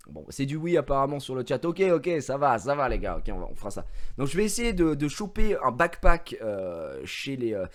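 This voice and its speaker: A young man chatting on his live stream. His pitch leaps around as he tells a story, doing little voices for the people he quotes. He keeps it loose and conversational. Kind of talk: casual live-stream chat.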